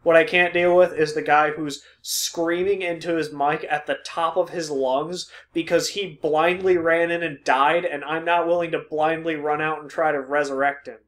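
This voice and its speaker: A man's voice: fairly high pitch, fairly even intonation, moderate pace, hardly any pauses, fairly bright tone. A man co-hosting a casual podcast, cracking sarcastic jokes and wandering off topic. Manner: joking, sarcastic, goes off on tangents. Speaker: podcast co-host. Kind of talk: casual chat.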